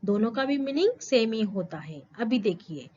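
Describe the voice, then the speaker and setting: A woman's voice: on the high side, sing-song, warm tone, husky, dull audio. A woman teaching a school lesson to children, patient, repeating words and asking questions back. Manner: slow, patient, repeats and quizzes the listener.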